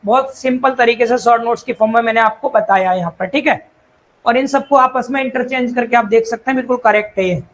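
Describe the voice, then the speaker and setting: A civil engineering teacher with a high, fairly bright male voice gives an online exam-prep lecture on a rough recording. He repeats key terms and addresses students as brother and child. He reads English definitions slowly, then explains them in Hindi.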